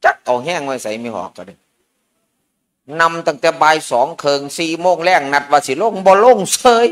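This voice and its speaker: Isan monk for a relaxed ceremony sermon, slightly high male voice, folksy and joking. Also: moderate pace. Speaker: Buddhist monk. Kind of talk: informal sermon at a merit-making ceremony.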